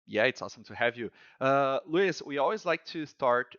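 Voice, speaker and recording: A man's voice: mid-range voice, expressive, normal speed, a bit bright, no echo, lo-fi sound. A man hosting a podcast, friendly and leaning on many "uh" fillers. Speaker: podcast host. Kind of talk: podcast interview.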